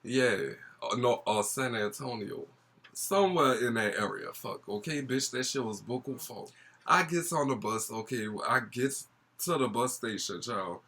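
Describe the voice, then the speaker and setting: A man's voice: mid-range voice, lively intonation, a little slow, pushed and bright. A young man with a New Orleans accent telling a casual vlog story in a gossipy, sassy, slangy way. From New Orleans, USA. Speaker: YouTube storyteller.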